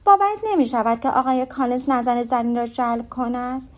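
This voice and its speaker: A woman reading the lines of a calm, practical young woman in an audiobook, in a matter-of-fact way. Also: fairly high pitch, natural voice.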